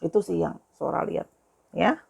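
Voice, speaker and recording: A woman's voice: fairly low pitch, moderate pace, vocal fry, a little mellow, slightly rough. A young woman giving a casual tarot reading, chatty and affectionate, calling her viewers dear. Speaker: tarot reader.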